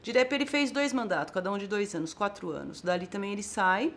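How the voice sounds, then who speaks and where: Measured woman recalling the past. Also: medium pitch, fairly bright tone, a little hiss or hum. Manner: measured, recounting a career. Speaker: interviewee, union colleague. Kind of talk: reflective interview.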